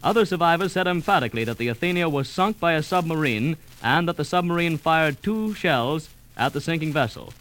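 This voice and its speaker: A man reading a 1939 radio news bulletin in a formal, measured way. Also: fairly high pitch, animated, a bit bright, slight background noise, poor audio. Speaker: news announcer.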